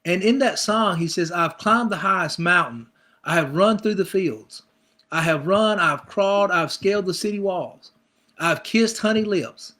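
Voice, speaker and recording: A man's voice: high voice, a bit bright. A middle-aged male pastor preaching a conversational sermon, acting out people's inner thoughts with repeated phrases.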